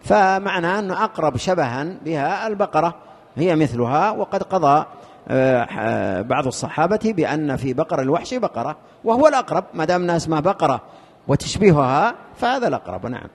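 Gravelly man teaching in a hall. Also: fairly high pitch, sing-song. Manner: halting, repeats words while searching for terms. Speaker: teacher explaining a fiqh text. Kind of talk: lesson commentary. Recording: long reverb of a hall.

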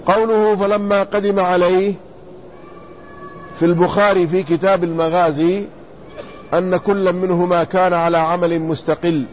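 A man teaching a lesson in classical Arabic, reading quoted commentary and then explaining it, repeating words slowly to spell out their vowels. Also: sits high, level tone. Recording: slightly dull lo-fi recording with faint room noise.

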